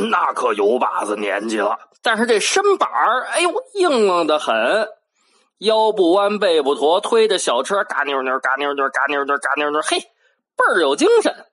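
A storyteller with a Beijing accent and a medium-pitched voice tells an old folk tale with energy, adding playful asides and making sound effects with his voice.

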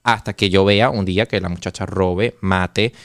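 A man's voice: low-pitched, steady tone, moderate pace, no room sound, clean studio sound. A man appearing as a guest, arguing his points earnestly in a casual discussion with some teasing.

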